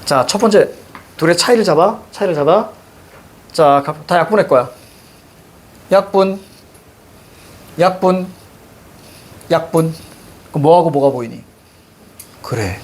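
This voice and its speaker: Lively high-voiced male teacher. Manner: lively, questioning students, repeating key words. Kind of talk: classroom grammar lesson. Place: classroom.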